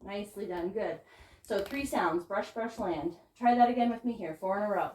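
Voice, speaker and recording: Breathless tap teacher counting steps aloud. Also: female voice, mid-range voice, a little fast. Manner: encouraging, counts steps aloud while dancing. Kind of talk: step-by-step dance tutorial. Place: dance studio. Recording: echoey studio with loud background noise. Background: tap shoe clicks.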